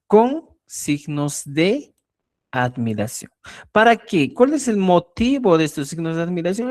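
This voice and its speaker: A teacher leads an online language lesson at an unhurried, deliberate pace. The pitch rises and falls expressively, and the teacher keeps stopping to ask whether the students are following. Points are explained with simple everyday examples. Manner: keeps checking understanding with "¿ya?". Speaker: Quechua teacher.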